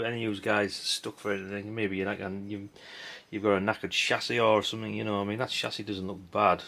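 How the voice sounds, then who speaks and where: A faint hiss or hum accompanies this lowish, slightly bright male voice with vocal fry. A middle-aged hobby video host, he chats and rambles bluntly while sorting old parts, unscripted, with mild swearing and tag questions.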